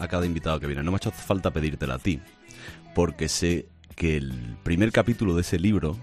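A man's voice: low voice, darkish tone. A man hosting an interview, asking questions and encouraging his guest with frequent short replies. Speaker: interviewer host.

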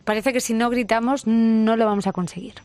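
Una presentadora con acento de España que comenta con tono coloquial. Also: female voice, a little high, steady tone, a little mellow, no echo. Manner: quick, chatty. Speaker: host. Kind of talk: casual chat.

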